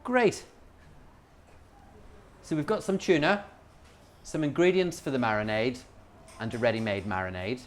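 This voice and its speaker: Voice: mid-range voice, measured pace, long pauses. A cooking show host casually interviewing a cook, asking questions and prompting the next step. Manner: inquisitive, prompting.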